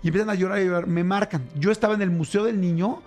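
A man with a Mexican Spanish accent, a radio host telling a story in a casual, animated way and acting out the sounds. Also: sits high, quick pace, faint music behind. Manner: animated, acts out sounds and voices. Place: radio studio.

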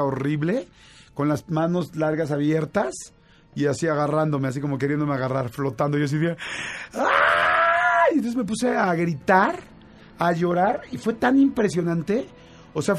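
Animated Mexican man telling a story. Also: on the high side. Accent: Mexican Spanish. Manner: animated, with many fillers and restarts. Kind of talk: casual storytelling chat.

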